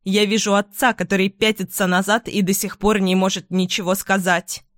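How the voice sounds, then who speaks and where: A woman's voice: medium pitch, level tone, moderate pace, dry recording, clean studio sound. A woman reading a first-person audiobook with dramatic, emotional delivery. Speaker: audiobook narrator.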